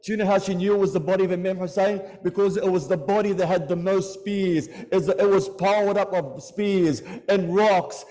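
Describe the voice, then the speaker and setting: A man delivers a mournful religious lecture, voice pitched a touch high yet mellow and dark in tone. He tells a sad story and lifts his pitch and force at its climaxes. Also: steady tone, fairly quick, few pauses, rough recording. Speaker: lecturer at a Muharram majlis.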